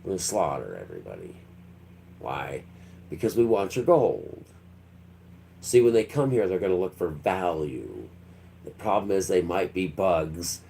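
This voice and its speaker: A man's voice: sits low, sing-song, a little slow, vocal fry, long pauses, dark tone, slight background noise. A man hosting a live stream, rambling in a loose monologue and acting out quotes in mock voices. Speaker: livestream host.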